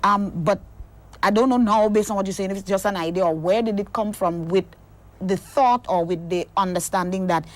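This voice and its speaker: A woman hosting an interview, curious and quick with follow-up questions. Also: medium pitch. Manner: curious, asks follow-up questions, frequent affirmations. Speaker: host. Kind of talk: conversational interview.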